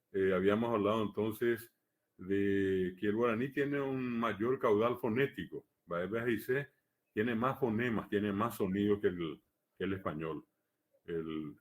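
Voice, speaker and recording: Low-voiced man lecturing. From Paraguay. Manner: measured and explanatory, with frequent hesitation fillers. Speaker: lecturer on the Guaraní language. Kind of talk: live academic lecture.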